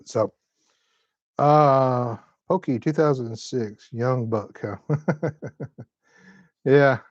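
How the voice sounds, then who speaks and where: This is a Southern man in his fifties, easygoing and folksy as he reads live-stream comments from home and draws out his words. His pitch stays in the middle range. With no room sound, the audio comes across dry and slightly dull in the highs.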